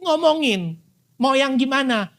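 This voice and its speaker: A man preaching a sermon in a casual, playful way, acting out quick quotes and laughing along. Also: very high-pitched, expressive, a bit bright. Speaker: pastor.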